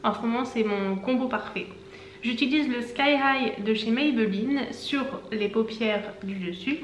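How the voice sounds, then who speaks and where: A woman in her twenties, a beauty vlogger talking through a makeup tutorial in a chatty way, with rambling asides and quick self-corrections. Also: fairly high pitch, a little hiss or hum. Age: 20s. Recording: echoey room, faint background music.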